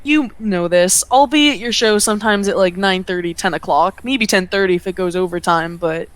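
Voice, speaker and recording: A woman's voice: mid-range voice, moderate pace, dry recording. A woman guest in a casual interview, gushing about wrestlers in a loose, profane way. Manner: gushing, profane fan talk. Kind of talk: casual chat.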